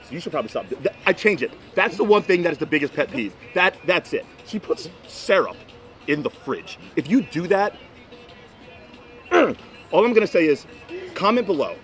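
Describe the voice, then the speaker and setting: A man's voice: fairly high pitch, big pitch swings, moderate pace, soft background music. A man in his twenties in casual couples chat, rambling and emphatic, often repeating himself to press his point. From Florida, United States. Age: 20s. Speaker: boyfriend in couples Q&A vlog.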